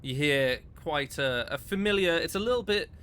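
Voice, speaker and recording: A man's voice: on the high side, lively intonation, moderate pace, sharp tone, slight background noise. A man running a tabletop game as game master, chatty with lots of fillers and casual swearing.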